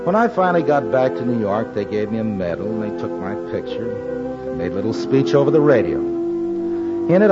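A man's voice: mid-range voice, close to an everyday voice. A man playing a defiant, plain-spoken American merchant seaman in a 1940s radio drama style, with a stubborn streetwise manner. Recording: muffled old radio recording with hall reverb.

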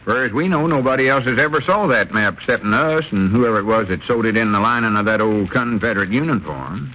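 An actor playing a bossy, scheming country storekeeper in a 1940s radio comedy. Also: male voice, on the low side, lively intonation, fast talker, sharp tone, a little hiss or hum, poor audio. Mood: arguing. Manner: bossy, exasperated, rural grammar.

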